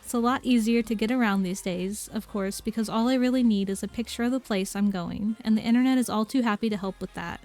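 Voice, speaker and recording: A woman voicing a dry, monotone young woman from a storybook, adding "yeah" to her lines. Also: a little high, fast, few pauses, soft background music, natural voice. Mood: deadpan.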